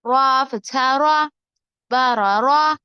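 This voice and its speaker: A woman teaching Quran reading, spelling out letters and syllables in a slow, deliberate drill. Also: sits high, smooth, no echo, lo-fi sound.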